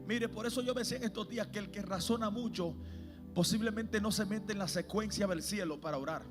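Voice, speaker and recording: Man, evangelist, live church sermon, fervent, hushed to shouting, faint music behind. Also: high voice, fairly quick. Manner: fervent, swings between hushed and shouted preaching.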